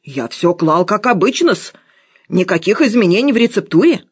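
A woman's voice: medium pitch, expressive, moderate pace, husky. A woman reader voicing a tiny, fussy male cook who is servile and wildly melodramatic. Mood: anxious. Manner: obsequious, theatrical lamenting.

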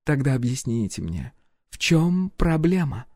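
A man's voice: mid-range voice, sing-song, measured pace, a little mellow, dry recording, voice pushed up. A man voicing a proud, imperious middle-aged empress who presses her demands with cool politeness and insistent force. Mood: coolly insistent. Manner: insistent, commanding, coolly polite.

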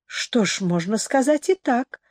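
A curious young woman detective who asks polite, probing questions, voiced by a woman reading an audiobook. The fairly high voice is recorded close and dry, with no room echo. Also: expressive, measured pace, a little mellow.

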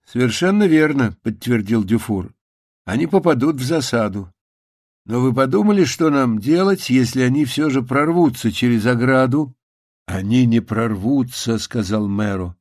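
A man reading a story aloud, calm and measured, dropping his voice low for the quiet lines. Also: no echo, studio quality. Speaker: narrator. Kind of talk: audiobook reading.

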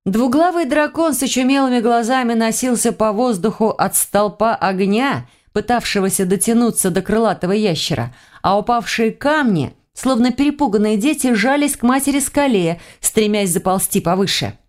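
A woman reading a first-person fantasy audiobook in a lively, expressive storytelling manner. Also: a little high, normal speed, hardly any pauses. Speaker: audiobook reader. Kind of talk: scripted first-person narration.

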